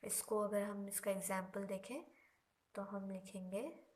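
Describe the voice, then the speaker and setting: A woman teaching a language lesson, explaining each example slowly and patiently, with drawn-out repetitions. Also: mid-range voice, steady tone, darkish tone. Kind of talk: Korean lesson explained in Hindi.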